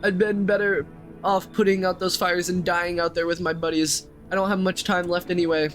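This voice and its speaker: A man voicing a dying firefighter in a game, groaning and halting, bitter and resigned. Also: high voice, little pitch movement, soft background music, natural voice.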